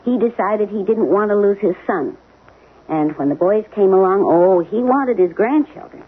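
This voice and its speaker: An actress in a 1970s radio drama plays a frank, wry middle-aged wife and former chorus girl, sounding hurt and bitter. Her medium-pitched voice moves at a moderate pace and is lightly acted. The lo-fi, phone-like old broadcast carries slight background noise, with music playing behind her.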